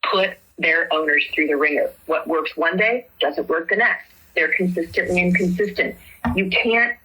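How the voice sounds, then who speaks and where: A woman's voice: on the low side, normal speed, bright, forceful tone, breathy edge, poor audio. A woman guest in an interview, explaining horse problems fluently and emphatically. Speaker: guest, supplement business owner.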